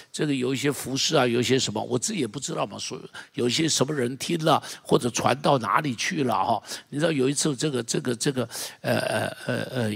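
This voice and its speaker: A man pastor preaching a sermon in an animated way, leading the congregation in repeating phrases. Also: mid-range voice, creaky, breathy edge.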